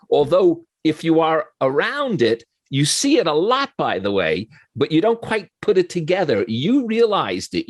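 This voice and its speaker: A man's voice: fairly high pitch, dry recording. A man with a New York accent hosting an interview, asking earnest, admiring questions. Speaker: interview host.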